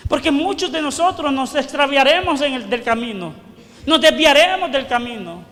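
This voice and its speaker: A man's voice: very high voice, animated, normal speed, pushed and bright, big-room sound. A man preaching a fervent sermon as pastor, questioning his congregation and crying out the words of those he quotes. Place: church.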